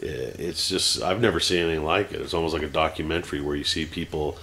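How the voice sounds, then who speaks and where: His voice is a low rumble, fairly bright in tone, and he talks fast, with a little background noise. He's a forties-aged vlogger speaking unscripted at home, rambling through fillers and restarts, turning teary-eyed and ranting as he heats up.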